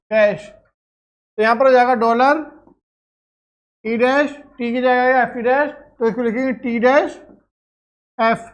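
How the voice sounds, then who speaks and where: Woman teacher, slow careful lecture, high voice, muffled lo-fi sound. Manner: explains step by step, checks with "clear?". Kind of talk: classroom lecture.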